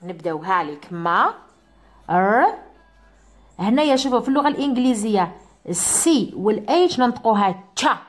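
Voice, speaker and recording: A woman with an Algerian Arabic accent teaching English, slowly repeating each word for her pupils. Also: medium pitch. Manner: drawn-out repetitions of words for pupils. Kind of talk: classroom lesson.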